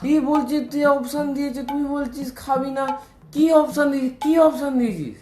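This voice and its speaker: A man's voice: high-pitched, big pitch swings, normal speed, reverberant, a little hiss or hum. A man as a coaxing, doting uncle. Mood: exasperated. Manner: coaxing, pleading, scolds the servant. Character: doting middle-aged uncle hosting his nephew.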